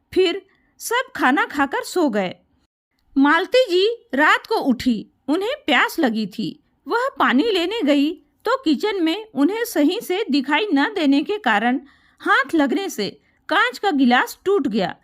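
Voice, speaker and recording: A woman narrates a family tale with a very high, lively voice. Her pitch moves a lot as she tells it. It is scripted storytelling, expressive throughout.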